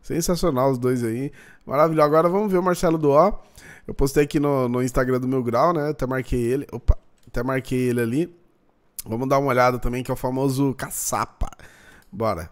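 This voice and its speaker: A man's voice: medium pitch, fairly even intonation, brisk. A man in his thirties with a Brazilian accent chatting casually as a reaction video host. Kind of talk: casual chat. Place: small indoor room, webcam setup.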